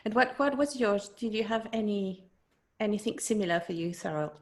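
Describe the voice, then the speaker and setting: A woman's voice: mid-range voice, lively intonation, moderate pace. Attentive woman hosting a podcast interview. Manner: attentive, gives frequent soft backchannel murmurs. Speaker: podcast host. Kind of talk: casual conversational interview.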